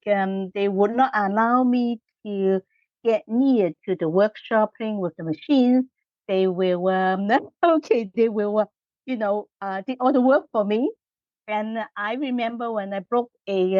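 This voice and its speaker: A middle-aged woman from Hong Kong, speaking with a Hong Kong accent, is a guest engineer answering interview questions. Her medium-pitched voice is full of ums and uhs, with short laughs between phrases. The recording is dry, with the highs cut off.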